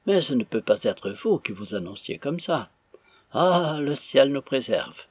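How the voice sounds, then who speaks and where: A man's voice: mid-range voice, sing-song, measured pace, breathy edge, no echo. A man voicing a cautious, easily startled housekeeper woman, speaking in a raised, fretful tone.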